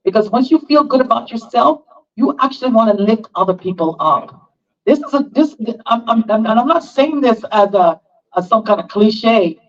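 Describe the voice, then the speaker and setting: Town hall moderator, measured, earnest, distant, muffled. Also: mid-range voice, lively intonation. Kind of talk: reflective public speech. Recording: distant, dull lo-fi sound.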